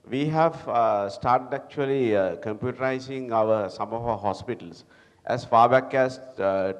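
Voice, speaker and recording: A man from Sri Lanka asking a question from the audience, hesitant and filling pauses with "uh". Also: mid-range voice. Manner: hesitant, many fillers. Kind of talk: question from the floor. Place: large auditorium audience. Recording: long hall reverb.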